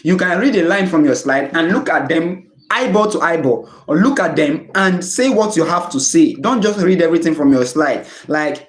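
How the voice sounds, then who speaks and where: In an echoey room, a man with a somewhat high voice and a Nigerian English accent tutors students during a chatty live-stream lesson. He often laughs at his own jokes and slips in Pidgin phrases.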